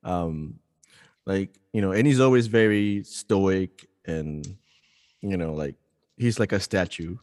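A man co-hosting a casual podcast, an animated storyteller who rambles and restarts his sentences. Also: deep voice, slow pace, no echo, clean studio sound, in a large hall. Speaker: podcast co-host.

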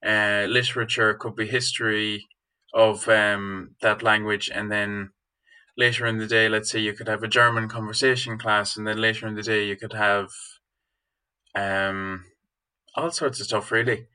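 A man's voice: fairly low pitch, level tone, moderate pace, bright, forceful tone, clean tone. A young man from Galway with a west of Ireland accent, answering interview questions as a student guest in a hesitant, informal way. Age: young adult.

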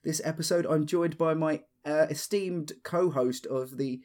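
A man hosts a relaxed podcast conversation in a fairly high voice. He often stumbles and restarts his sentences, and he laughs along with his guest. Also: a little slow. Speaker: podcast host. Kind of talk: casual interview.

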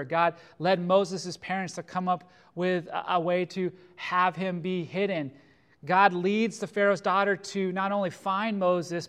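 High-voiced pastor, earnest, deliberate. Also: male voice. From California. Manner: earnest, slows down to stress key phrases. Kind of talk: sermon.

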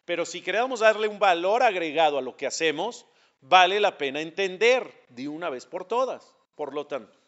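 Rabbi guy giving a lesson, kinda high voice, asks stuff then answers it. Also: expressive, moderate pace, fairly bright tone. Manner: asks questions and answers them himself. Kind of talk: religious lesson. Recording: dull lo-fi recording.

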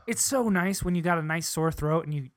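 A man's voice: a little high, brisk, no echo, clean studio sound. A young man co-hosting a podcast, bickering playfully and explaining things with mock-scientific confidence. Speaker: podcast co-host. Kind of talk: casual chat.

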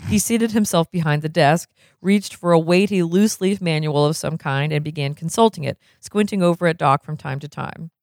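A reader narrating a novel aloud in a relaxed way, breaking into laughter now and then. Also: medium pitch, dry recording, studio quality.

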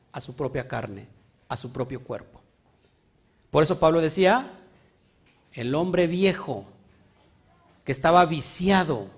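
Male preacher, high voice, animated delivery, checks in with the congregation often. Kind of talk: sermon teaching.

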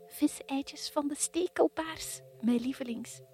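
A woman's voice: high voice, slow pace, mellow, faint music behind. A woman voicing a departed, loving female kingfisher in whispered role-play, tender and consoling.

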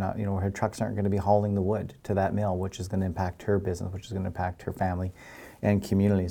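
Deep, gravelly man. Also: warm tone. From Canada. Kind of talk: interview answers.

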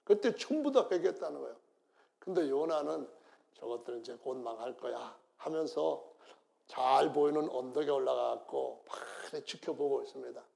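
A man who is a pastor, preaching a sermon and telling the story, acting out quotes with big swings in loudness. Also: medium pitch, animated, moderate pace, vocal fry.

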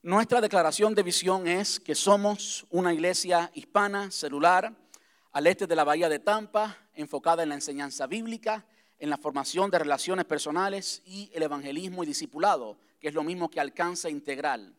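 A man speaking as pastor to his congregation in a church, talking conversationally and repeating key points slowly. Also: a little high, a bit bright. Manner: conversational, repeats himself, slows to spell things out. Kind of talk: church vision address to congregation. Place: church sanctuary.

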